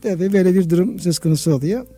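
A man hosting a religious discussion speaks in a rather high but very dark, soft-edged voice. He explains things conversationally and repeats phrases for emphasis. Music plays behind him. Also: rapid-fire.

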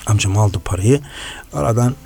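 A man's voice: on the low side, normal speed, vocal fry. A man from Kars, a guest voice impressionist, telling stories animatedly on a radio show. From Kars, Turkey. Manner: animated, shifts into imitated voices. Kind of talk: casual storytelling. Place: radio studio.

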